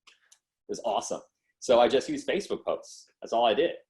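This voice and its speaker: Medium-pitched and moderately paced, a man in his twenties recounts his story on a podcast. His delivery is lively and full of slang, with quotes acted out.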